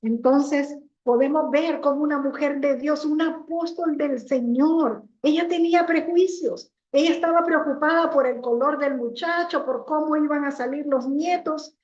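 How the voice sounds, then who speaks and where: Woman pastor preaching, high voice, roomy church echo, kinda muffled. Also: normal speed, few pauses, a little mellow. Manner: storytelling preacher acting out voices in quotes. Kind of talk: sermon.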